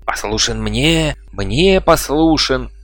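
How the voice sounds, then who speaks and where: A man's voice: fairly low pitch, little pitch movement, moderate pace, fairly bright tone, no echo, lightly acted. A man voicing a cruel old male shaman who taunts and cackles, in an audiobook reading. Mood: gloating.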